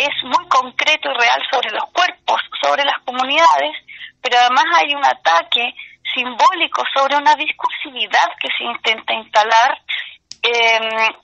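Brief: woman guest, emphatic and earnest, high bright voice, heard down a dull line. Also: creaky. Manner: earnest, emphatic, repeats phrases for stress. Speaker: guest, actress and playwright. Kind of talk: radio interview.

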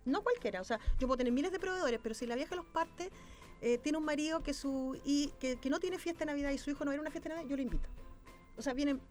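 A middle-aged Chilean woman telling her story at a rapid clip. Her voice sits high and she acts out other people's lines, piling up repeated words. Soft music plays faintly behind her. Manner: acts out quoted speech, repeats words for emphasis. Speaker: guest businesswoman. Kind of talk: animated personal storytelling.

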